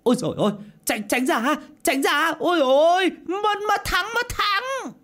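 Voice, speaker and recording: A man voicing a panicked cart driver yelling frantic warnings in a strained high voice. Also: animated, a little slow, heavily acted.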